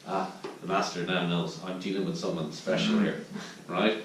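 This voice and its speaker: A man with an Irish accent gives a dharma talk, his voice sitting a little low as he searches thoughtfully for his words. The mic is set back from him, and the meditation hall adds a strong echo with faint noise underneath. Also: fairly even intonation, normal speed. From Ireland. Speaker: Zen teacher giving a dharma talk. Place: meditation hall at a retreat centre. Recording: distant mic in a very echoey room with faint noise.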